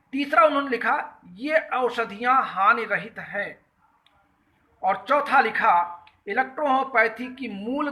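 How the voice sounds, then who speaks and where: Up guy hosting a live call-in, really high bright voice, earnest explaining. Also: poor audio. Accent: Uttar Pradesh Hindi. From Uttar Pradesh, India. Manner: earnest explanatory tone, greets callers by name. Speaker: host of a health talk show. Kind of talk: live call-in talk, reading and explaining an article.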